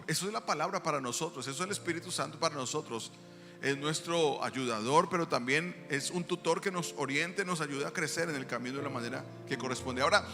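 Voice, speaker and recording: A man preaching a sermon as pastor, animated and acting out quotes. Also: on the high side, big-room sound. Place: church.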